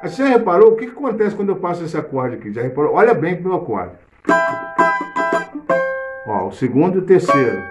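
A middle-aged man with a Brazilian Portuguese accent runs a casual live cavaquinho lesson, chatty and explaining theory as he plays, sometimes humming or singing. His voice is a little high, very animated, and fairly quick, with frequent pauses. Loud cavaquinho sounds behind him in an echoey room.

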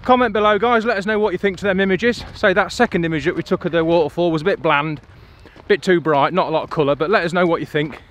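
Outdoors in a valley beside a waterfall, a man vlogs about photography, chatting casually to the camera in an upbeat, colloquial way. His voice is high and a bit bright. He's using an on-camera mic in handheld selfie framing, with the rushing noise of the waterfall and stream behind him.

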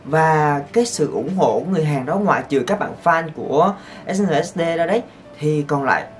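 A man, telling stories to his viewers as a vlogger in an excitable, gushing way. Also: a little high, a little fast, faint music behind. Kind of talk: casual storytelling to viewers.

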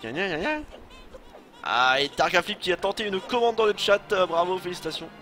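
Animated young man commenting gameplay. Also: high voice, a little fast. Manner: joking, animated, swears, talks to chat. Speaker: let's play streamer. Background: game music.

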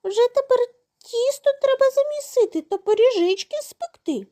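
A woman voicing two playful, lazy little mice in a storybook tale, squeaking in a very high voice. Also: lively intonation, moderate pace, warm tone. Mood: squeaky. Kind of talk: storybook character voice.

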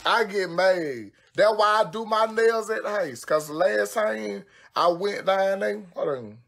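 A woman with a medium-pitched, gravelly and slightly bright voice talks a little slowly on a phone livestream at home. A social media personality, she paints her own nails while chatting casually, brash and profane with frequent cursing and exclamations.

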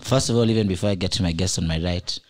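A man's voice: low-pitched, quick pace. A young man hosting a studio podcast, joking around and telling playful stories. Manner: playful, joking, animated storytelling. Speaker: podcast host. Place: small indoor podcast studio. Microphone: studio microphone on a boom arm.

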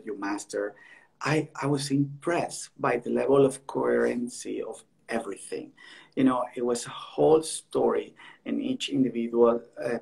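A man working as an art dealer, speaking English as an in a halting way that repeats words, over a video call. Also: mid-range voice, vocal fry, a little mellow. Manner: halting, repeats words, non-native phrasing. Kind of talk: casual conversation on a livestream.

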